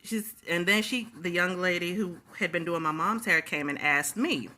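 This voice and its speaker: A woman telling a storytime to her viewers in a lower, bright-edged voice with some bite. She is casual and emphatic, hammering key phrases twice and talking right at her audience. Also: moderate pace. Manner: talks straight to the audience. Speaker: storytime vlogger.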